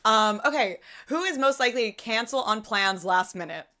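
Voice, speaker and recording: Woman, interview host, bright crisp voice, upbeat, casual, reading questions. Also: a little high, animated, normal speed.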